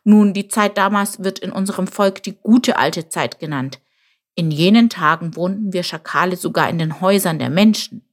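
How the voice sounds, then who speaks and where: A woman's voice: on the low side, normal speed, natural voice. A woman voicing a small, clever male jackal who tells tales in a knowing, slightly scornful way. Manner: knowing, leisurely storyteller.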